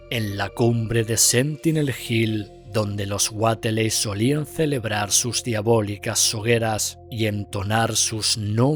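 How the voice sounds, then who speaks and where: Slow, low-voiced man narrating horror. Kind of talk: scripted horror story narration.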